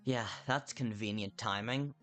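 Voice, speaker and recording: A young man livestreams a video game in a casual chat, reading viewers' messages aloud and reacting with mock exasperation. He sounds a bit tired and dry-mouthed, with a lowish, slightly bright voice and an unhurried pace, and faint music plays behind him.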